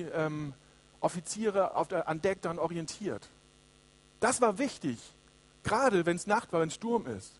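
High-voiced earnest male preacher. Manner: earnest, addresses congregation directly. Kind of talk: sermon.

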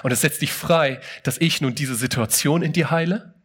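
A man preaches a sermon casually and emphatically, firing off rhetorical questions and often starting phrases with "hey." His voice is fairly high and breathy-edged, at a moderate pace.

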